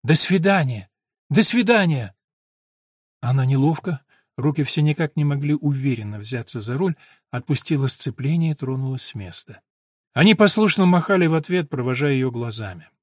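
A man's voice: mid-range voice, expressive, fairly quick, darkish tone, no echo. Male audiobook narrator, dry close sound.

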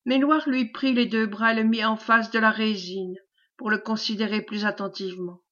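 A woman audiobook reader narrating a novel in a steady, measured way, on a dull lo-fi recording. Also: on the high side. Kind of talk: novel reading.

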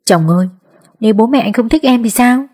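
A fretful young girlfriend, whiny and pleading, as a woman reader puts her on. The tone is mellow and a little husky, lifted higher for the part, in an audiobook. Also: lively intonation, a little fast. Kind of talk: audiobook character voice.

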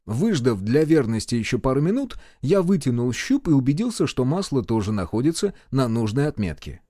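A man narrating a first-person audiobook in a brisk, wry storytelling manner. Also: medium pitch, big pitch swings, dark tone, no echo, studio quality.

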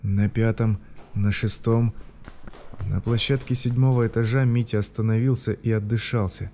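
A man reading a story aloud in a measured, even storytelling manner. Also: on the low side, a little hiss or hum. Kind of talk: audiobook narration.

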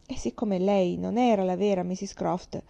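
A woman reads a classic novel aloud in a measured, even storytelling manner. Her voice is dark and mellow with a gravelly fry. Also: medium pitch. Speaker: audiobook reader. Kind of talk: literary audiobook narration.

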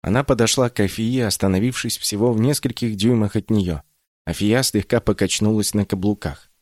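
Brief: male audiobook narrator, deep-ish voice, calm reflective first-person read, dry booth sound. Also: a little fast, dry recording.

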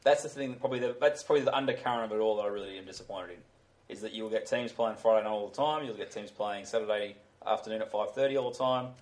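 A man's voice: fairly low pitch, fast, a little mellow, poor audio. A man co-hosting a sports podcast, arguing his point emphatically in casual chat. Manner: emphatic, argumentative.

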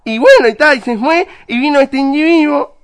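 A man's voice: extremely high pitch, normal speed. A man playing a nervous, tongue-tied married man in a radio comedy sketch, rambling with odd mouthy speech and stammering restarts. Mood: flustered. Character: nervous married man caught in a car, short tongue-tie.

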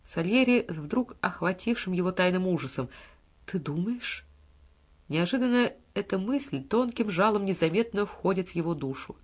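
A woman reading a literary essay aloud as an audiobook narrator, in a measured and expressive way. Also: on the low side.

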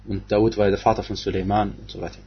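Male scripture teacher, low husky voice, hesitant delivery full of fillers, dull lo-fi recording. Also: level tone, fast, a little hiss or hum. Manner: hesitant, many fillers and restarts. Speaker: Quran exegesis teacher. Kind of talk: religious lecture.

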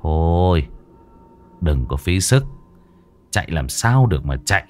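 A man voicing a calm, confident young male exorcist who taunts and questions a ghost. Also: low-pitched, measured pace, faint music behind, voice pushed down. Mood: cool taunting. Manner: cool, teasing, commanding.

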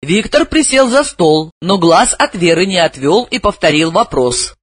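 Lively, high-voiced male storyteller. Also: measured pace, husky, no echo. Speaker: audiobook reader. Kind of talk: expressive storybook narration.

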